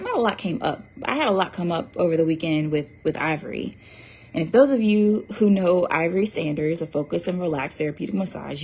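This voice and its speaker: Woman, slightly low voice, casual livestream host, chatty with lots of fillers. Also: darkish tone. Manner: chatty, reads viewer comments aloud, fillers and restarts. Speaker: livestream host selling an oracle deck.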